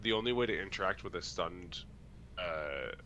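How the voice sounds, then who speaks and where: Man, co-commentator, analytical, hedging, low voice, bright forceful tone. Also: expressive, normal speed, a little hiss or hum. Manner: thoughtful, hedging, talks through strategy. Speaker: game co-commentator.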